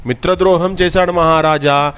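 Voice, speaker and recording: A man voicing a scheming male merchant who loudly accuses his friend, in a raised, insistent voice. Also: a little high, steady tone, moderate pace, smooth, voice pushed up, close to an everyday voice. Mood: accusing.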